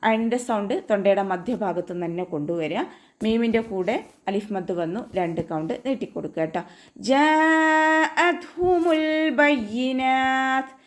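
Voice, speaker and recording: A woman with a Malayali accent teaching Quran recitation in an online class, explaining each letter patiently and chanting example verses slowly. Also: on the low side, warm tone. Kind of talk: online tajweed lesson.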